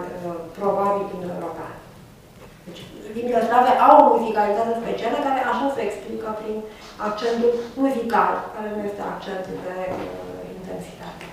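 A woman's voice: medium pitch, gravelly. A woman giving a university lecture, hesitating with many filler sounds. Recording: echoey room, far from mic, faint noise.

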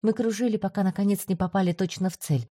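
Brief: woman audiobook narrator, steady first-person read, mellow tone, dry close sound. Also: mid-range voice, fast talker, dry recording.

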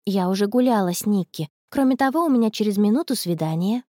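A woman voicing a cheerful, secretive young schoolgirl in a lively, playful manner. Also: mid-range voice, fast talker, dry recording, clean studio sound, lightly acted.

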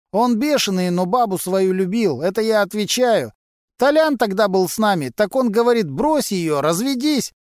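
A man's voice: high-pitched, darkish tone, dry recording, clean studio sound, pitched above the performer's own voice. A man voicing a cocky, mocking male mechanic who talks in thieves' slang, in an audiobook. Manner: mocking, brash, full of criminal slang.

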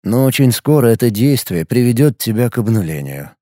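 A man voicing an entranced young man who answers questions in a flat, mechanical monotone. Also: medium pitch, brisk, no echo, clean studio sound, pitched below the performer's own voice. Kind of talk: audiobook narration.

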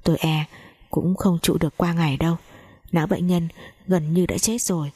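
A woman's voice: lowish voice, steady tone, moderate pace, dark tone, breathy edge, no echo. Woman voicing a grave hospital doctor. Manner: grave, formal. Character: somber male hospital doctor.

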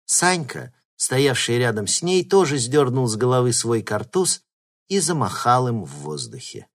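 A man narrating an audiobook with a lively, expressive reading. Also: mid-range voice, a little slow. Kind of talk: scripted narration.

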